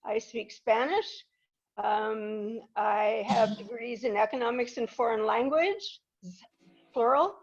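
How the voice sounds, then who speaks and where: With a husky voice on the high side, an older woman raised in Peru speaks unhurriedly as a guest, telling a live audience chatty, humorous stories about her life and often making fun of herself. The recording's high frequencies are cut off.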